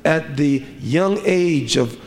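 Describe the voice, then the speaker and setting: A man's voice: a little high, animated, slow, gravelly, a little mellow, a little hiss or hum. A middle-aged man preaching a sermon as an imam, with a rhythmic delivery full of repeated rhetorical questions. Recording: reverberant hall, faint ambience.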